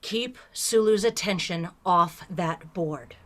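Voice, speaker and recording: A woman playing a composed, bold starship captain in an audio drama, speaking in a measured, firm, understated way. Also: lowish voice, fairly bright tone. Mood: commanding. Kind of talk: gender-swapped science fiction audio drama acting.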